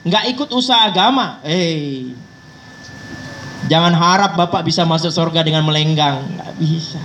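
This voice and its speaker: A man's voice: on the high side, normal speed, a bit bright. A male preacher giving a folksy, joking sermon in a mosque, teasing listeners directly. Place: mosque hall. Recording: distant mic with faint traffic noise.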